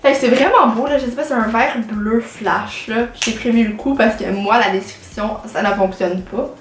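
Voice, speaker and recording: Here a young woman in her late teens, Québécois French accent, talks casually to her camera at a moderate pace, her voice a little high. Fillers and English borrowings run throughout. Slight background noise mixes with faint music in an echoey room.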